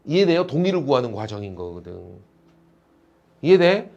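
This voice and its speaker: A man's voice: mid-range voice, sing-song, moderate pace, a little mellow, highs cut off. A male teacher giving a classroom lecture, teasing and calling on students by name.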